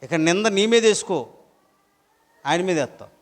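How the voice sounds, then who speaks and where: A man's voice: high voice, lively intonation, normal speed, long reverb tail. A pastor preaching a sermon, throwing rhetorical questions at his congregation.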